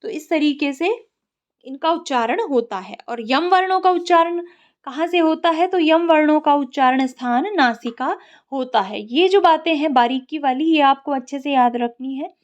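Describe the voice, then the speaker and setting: A woman teaching an exam revision lecture on Sanskrit grammar, reciting rules slowly and then explaining them plainly. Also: sits high, dull audio.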